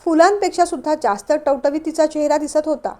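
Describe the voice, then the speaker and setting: A woman narrating an emotional family story in a calm, measured reading. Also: high voice.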